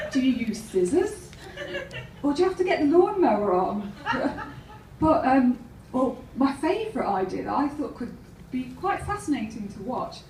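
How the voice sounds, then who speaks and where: Woman stand-up comic, slightly high voice, unhurried delivery, chuckles at her own jokes, roomy live sound. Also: a little mellow, a little hiss or hum. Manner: wry, anecdotal, laughs at her own jokes. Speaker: stand-up comedian. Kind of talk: stand-up comedy set. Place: live comedy venue. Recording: roomy, distant mic with faint ambience.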